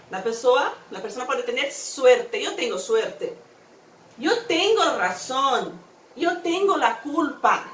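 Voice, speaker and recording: A woman teaching a language class, patiently explaining and slowly repeating each verb form. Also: high voice. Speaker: Spanish teacher. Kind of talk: explanatory lesson. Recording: roomy, from a distance, faint hum.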